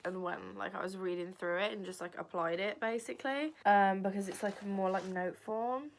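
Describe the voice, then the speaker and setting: A young woman from England with a raspy voice, chatting casually in a vlog and rambling with lots of fillers. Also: medium pitch, steady tone, normal speed. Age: young adult. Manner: rambling, many fillers like "like" and "basically". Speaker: student vlogger. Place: cold room at home, at a desk.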